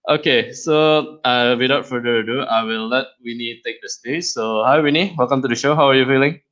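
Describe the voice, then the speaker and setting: A man hosting and interviewing a guest on his own podcast, chatty and quick to laugh. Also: medium pitch, a bit bright, rough recording. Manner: friendly, chatty, laughs easily. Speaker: podcast host and creator. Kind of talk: casual interview chat.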